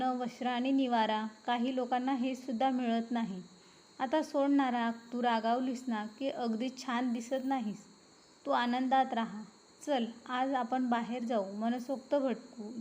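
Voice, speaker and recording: A woman voicing a patient, apologetic young husband who coaxes softly. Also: fairly high pitch, natural voice. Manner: coaxing, soft-spoken pleading.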